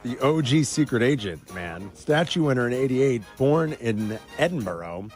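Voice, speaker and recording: Playful sports radio host, animated. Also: male voice, mid-range voice, soft background music. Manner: playful, teasing, repeats clues slowly. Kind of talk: casual radio banter, running a trivia game. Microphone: studio microphone.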